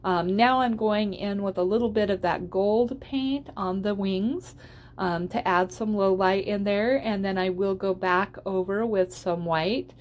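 A woman's voice: medium pitch, measured pace, a little mellow, a little hiss or hum. A woman giving a casual instructional voice-over as a tutorial host, explaining step by step in an encouraging way.

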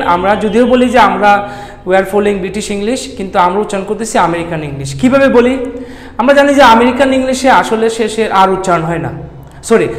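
Male lecturer, classroom teaching, asks and answers his own questions, echoey hall with a long tail. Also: sits high. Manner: asks the class questions and answers them himself, spells words out. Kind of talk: classroom English lesson. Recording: echoey room with long reverb.

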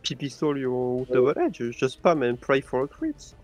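A man's voice: mid-range voice, expressive, a little mellow, soft background music. A man on a podcast, stammering as he questions and breaks down a game's moves. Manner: stammering, quick to question plays. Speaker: podcast guest. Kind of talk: casual gaming commentary.

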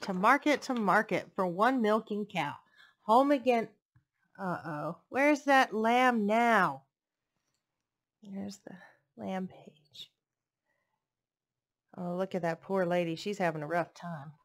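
A thirty-something woman reads picture books to children in an expressive storytime session, speaking into a headset mic in a living room with a playful, sing-song rhythm. She's a librarian, and her mid-range voice moves slowly with frequent pauses.

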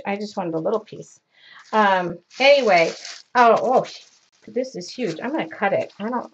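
A woman in her 40s with a medium-pitched voice hosts a live craft demonstration from her home studio, rambling and interrupting herself as she goes. Her front-facing webcam captures dull lo-fi stream audio with slight background noise.

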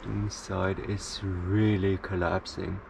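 Deep-voiced man vlogging among ruins. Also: flat delivery, slow, creaky, background noise. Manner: chatty, explaining on the move. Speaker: travel vlogger. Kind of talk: travel vlog narration.

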